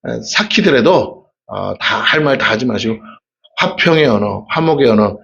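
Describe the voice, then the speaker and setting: A man's voice: mid-range voice, animated, moderate pace, vocal fry, a bit bright, muffled recording. A man with a Gyeongsang accent preaching a sermon in a church, talking conversationally and asking the congregation rhetorical questions. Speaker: pastor. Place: church sanctuary.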